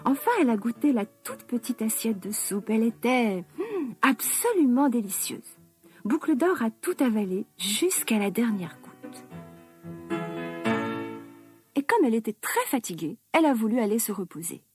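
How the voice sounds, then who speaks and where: A woman narrating a children's story slowly and expressively. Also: a little high, soft background music. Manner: slow, expressive, lively.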